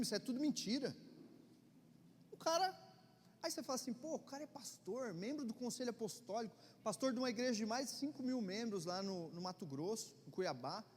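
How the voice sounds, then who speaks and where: Brazilian pastor, man, middle-aged, Brazilian Portuguese accent, high voice, chatty sermon with loud and hushed swings, reverberant church hall. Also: a little hiss or hum. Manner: conversational preaching, swings between loud urgency and quiet intensity. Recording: long reverb of a church hall, faint ambience.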